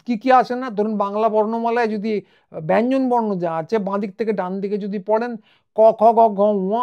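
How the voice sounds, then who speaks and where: A man giving a wry, mocking monologue commentary, sounding letters out one by one. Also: high-pitched. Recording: dull lo-fi sound.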